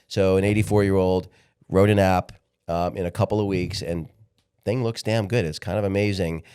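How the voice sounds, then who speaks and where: A sixty-year-old man, a guest on a podcast, talks candidly in a casual interview, often halting and repeating words as he restarts his sentences. His voice is low and dark, clear and resonant, with fairly even intonation.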